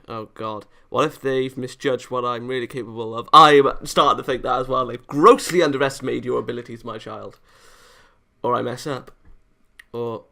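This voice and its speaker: Game music plays in the background as a man casually reads through a visual novel, slipping wry remarks between lines. His voice is medium in pitch, bright and forceful, with some vocal fry.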